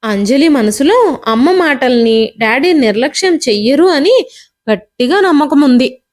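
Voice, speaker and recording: A woman narrating an emotional family story in a steady, expressive reading. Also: high-pitched, unhurried.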